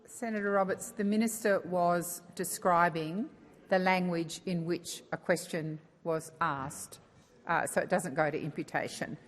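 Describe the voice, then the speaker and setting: A woman's voice: fairly low pitch, steady tone, unhurried. A woman with an Australian accent presiding formally over parliament, firmly keeping order among interjecting senators. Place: large indoor parliamentary chamber. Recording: echoey parliamentary chamber.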